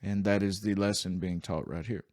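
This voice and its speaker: A man's voice: low-pitched, fairly even intonation, normal speed, darkish tone. A man teaching a Bible study, speaking earnestly and stressing key points as he moves between commentary and reading scripture aloud.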